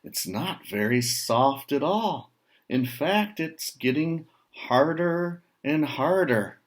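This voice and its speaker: An American man voicing a small, simple, earnest pig from a storybook, speaking in a plain, deliberate, emphatic way. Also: on the high side, expressive, voice pushed up. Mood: puzzled.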